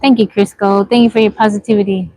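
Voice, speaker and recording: On a casual livestream set in the woods, a woman in her forties reads viewer comments and answers them directly, often asking questions and repeating what she's said. She talks at a quick pace in a warm, mid-range voice with fairly even intonation. The audio is poor.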